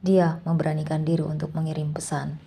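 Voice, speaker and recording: A woman storyteller reads a domestic drama in an even, measured way. Her voice is low and husky with a gravelly texture. Her delivery stays flat throughout. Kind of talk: scripted narration.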